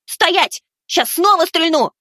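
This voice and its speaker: In this storybook reading, a panicked young man screams threats in a shrill, frantic voice. His pitch sits high and swings wildly. The sound is dry and close. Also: animated, takes it slowly, bright, forceful tone, no echo, exaggerated voice. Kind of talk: audiobook story narration.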